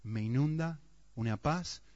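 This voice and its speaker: A man's voice: mid-range voice, a little slow, a little mellow. A man preaching a sermon earnestly, often asking the congregation rhetorical questions. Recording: dull, muffled sound.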